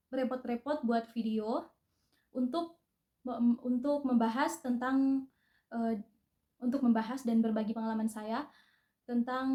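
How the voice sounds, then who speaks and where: A young woman vlogger talks in a friendly, chatty way, slipping in small hesitant fillers as she goes. Her voice sits a little high. The room around her adds a clear echo. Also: mellow. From North Sulawesi, Indonesia. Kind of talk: casual personal vlog.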